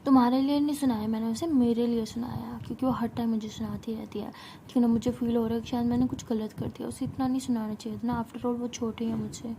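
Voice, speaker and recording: A woman voicing a gentle, apologetic young woman. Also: fairly high pitch, level tone, quick pace, a little hiss or hum, lightly acted. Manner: soft, apologetic, lightly joking. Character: young woman, gentle, caring older sister.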